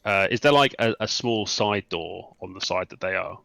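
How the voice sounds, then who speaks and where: Gravelly, bright-voiced man swearing casually. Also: low-pitched, normal speed. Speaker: player. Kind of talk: casual chat.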